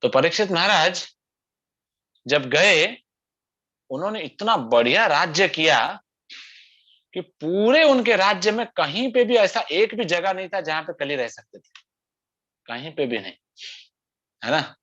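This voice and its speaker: A man's voice: high-pitched, expressive, a little slow, long pauses, sharp tone. A man preaching a scripture discourse in a conversational way, often tagging lines with rhetorical asides. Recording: dull lo-fi sound.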